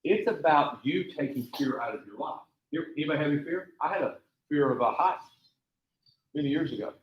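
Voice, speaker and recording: A man's voice: a little high, animated, fairly quick. A man teaching a taekwondo class, giving a repetitive, emphatic motivational talk full of rambling stories. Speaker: taekwondo instructor. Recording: echoey, dull lo-fi room sound.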